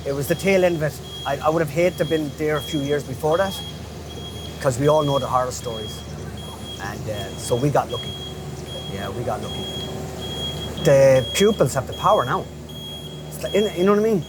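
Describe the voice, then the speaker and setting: A man in his fifties with a Galway, west of Ireland accent, reminiscing casually and chattily in a colloquial way as an interviewee. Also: a little high. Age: 50s. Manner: chatty, colloquial, often checking in with "you know". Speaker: interviewee, local window cleaner. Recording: noisy street ambience with traffic.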